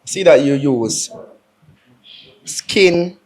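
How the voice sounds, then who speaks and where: A young man from Jamaica with a Jamaican accent, bluntly critiquing a woman on a dating show, teasing and loud at times. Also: on the high side, lively intonation, extremely slow.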